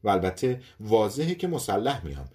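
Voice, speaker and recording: A man's voice: on the low side, huge pitch swings, a little mellow. A man voicing an eccentric male scientist who mutters to himself and talks with nervous cheer, in an audiobook story. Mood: nervously chatty.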